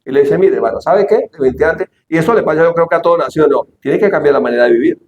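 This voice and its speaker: Animated pastor preaching in an echoey hall. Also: male voice, fairly high pitch, very fast, highs cut off, slight background noise. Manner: animated, shouts quoted lines, asks the congregation questions. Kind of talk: sermon. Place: church hall.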